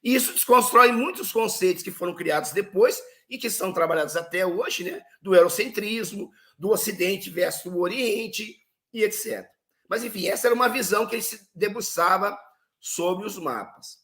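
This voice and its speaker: Bright high-pitched male lecturer. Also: normal speed. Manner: explanatory, poses rhetorical questions and answers them. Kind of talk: lecture on history and geopolitics.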